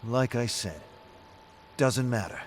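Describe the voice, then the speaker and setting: Male reader doing a hotheaded brawler: gruff, loud, bristling, over street noise. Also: mid-range voice, animated, voice pushed up. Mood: defensive. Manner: gruff, curses, quick to bristle. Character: brash hotheaded young male brawler, defensive.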